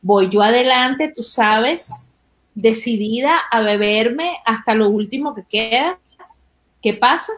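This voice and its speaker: High-voiced woman telling stories. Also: slow pace. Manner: animated storytelling, laughs often. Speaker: podcast host. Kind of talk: casual chat. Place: bedroom.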